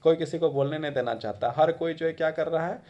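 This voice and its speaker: A man's voice: on the high side, fast, mellow, dull audio. A man giving a classroom lecture in a conversational way, repeating phrases for emphasis. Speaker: teacher.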